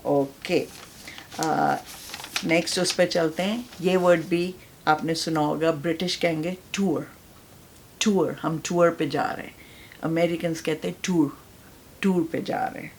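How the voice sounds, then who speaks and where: A woman's voice: sits low, steady tone, measured pace, slight background noise. A woman from Pakistan, an English teacher, giving a casual pronunciation lesson and often checking in with "right?". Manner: explains in Hindustani with English words, checks in with "right?".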